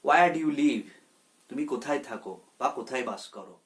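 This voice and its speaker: Male English tutor; patient, repetitive drilling delivery, mid-pitched. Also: lively intonation. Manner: repeats each word slowly, drilling its pronunciation. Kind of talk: pronunciation lesson.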